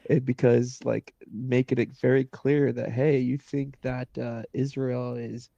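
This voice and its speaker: A man co-hosting a podcast in casual chat, giving quick affirmations and laughing easily as he reacts. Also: medium pitch, level tone, creaky, mellow, dry recording, dull audio. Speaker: podcast co-host.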